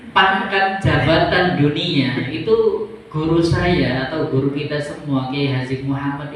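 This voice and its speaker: A man giving religious advice to boarding school students, slow and measured with pauses and gentle humour. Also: on the high side, a little hiss or hum. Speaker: Islamic boarding school teacher. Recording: very echoey hall, voice from far off.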